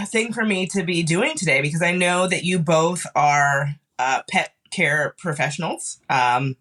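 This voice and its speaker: Grieving woman guest, halting and teary, bright voice. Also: fairly low pitch. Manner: tearful, halting, many restarts. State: grieving, cried off and on. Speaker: podcast guest. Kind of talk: casual chat.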